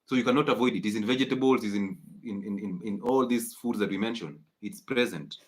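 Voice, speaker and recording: A man's voice: on the low side, a little fast. A man giving a live-streamed health lecture, emphatic and preachy, repeating his key points. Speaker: health educator.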